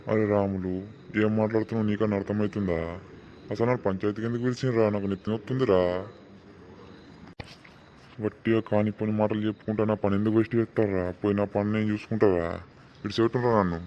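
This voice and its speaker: A man's voice: fairly low pitch, fairly even intonation, fast talker, long pauses, dark tone. A man voicing an exasperated village elder in a cartoon, scolding as he judges a dispute. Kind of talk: cartoon voice acting. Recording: dull lo-fi sound with faint noise.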